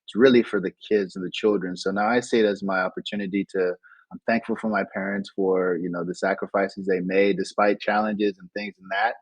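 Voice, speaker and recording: A man's voice: low voice, brisk, no echo, low-quality recording. A man from Nigeria, an interview guest, telling his life story in a reflective, casual way with frequent restarts. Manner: reflective, frequent restarts, animated when recounting. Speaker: interview guest, digital entrepreneur.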